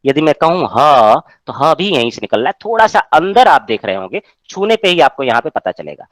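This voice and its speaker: जीवंत उतार-चढ़ाव वाली आवाज़ में पढ़ाता पुरुष शिक्षक. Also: male voice, a little high, very animated, fairly quick, dry recording. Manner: explains patiently, checks with students often. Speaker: Sanskrit teacher. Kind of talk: online class lecture.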